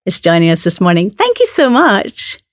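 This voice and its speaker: A woman's voice: medium pitch, wildly swooping pitch, moderate pace, dry recording, studio quality. A woman hosting a broadcast interview, introducing her guest and asking conversational questions. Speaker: interviewer host.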